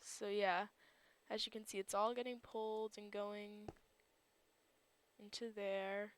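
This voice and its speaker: A woman's voice: medium pitch, flat delivery, takes it slowly, slight background noise. A woman giving casual gameplay commentary, groggy in her morning voice, rambling and thinking aloud with lots of fillers. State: groggy just-woke-up morning voice. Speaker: server owner and gameplay commentator.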